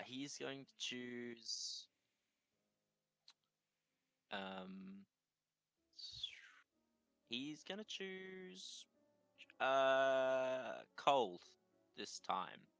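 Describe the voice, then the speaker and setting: A man's voice: medium pitch, expressive, extremely slow, long pauses, fairly bright tone, clean tone, no echo, faint music behind. A man playing a tabletop game, hesitantly describing what his character does in a casual way. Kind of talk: casual narration of character's actions.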